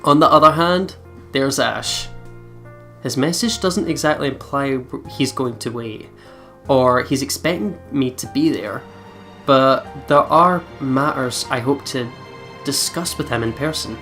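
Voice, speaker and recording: With game music playing behind him, this let's play host alternates between reading a visual novel's story text and giggly casual chatter. He has a mid-range voice, pushed and bright, at a measured pace.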